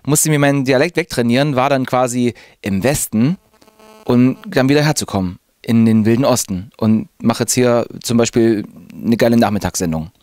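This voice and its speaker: On a dry recording, a mid-range male voice moves at a moderate pace. The speaker, a Zwickau-born radio presenter in his thirties, tells a casual personal account to camera in a radio studio, handheld reporter mic in hand, sounding lively, chatty and eager.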